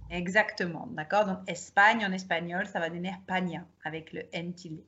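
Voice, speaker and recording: A woman's voice: on the low side, fairly even intonation, normal speed, sharp tone, lo-fi sound. A woman teacher guiding a partner through pronunciation examples, prompting her to speak. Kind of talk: classroom demonstration dialogue.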